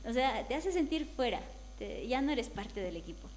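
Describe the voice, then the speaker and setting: A woman's voice: on the high side, sing-song, moderate pace, a little mellow, slight background noise. A woman speaking candidly on a panel, talking conversationally and slipping into quoted voices now and then. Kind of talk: panel discussion. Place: event hall.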